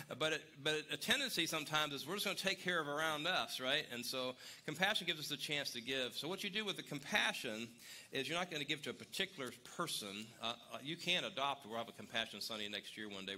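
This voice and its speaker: A man's voice: a little high, lively intonation, fairly quick, sharp tone. A man giving casual announcements at a church service, chatty and rambling, joking with the congregation.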